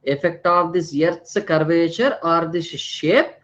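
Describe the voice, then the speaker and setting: A man with an Indian accent and a high-pitched voice teaches an online class. He repeats his points, often ending them with little check questions, and slips Hindi words into his English. The audio is a bit dull and lo-fi. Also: slow, a bit bright. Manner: repeats phrases, frequently tags questions with right and na. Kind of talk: live online lecture with frequent check questions.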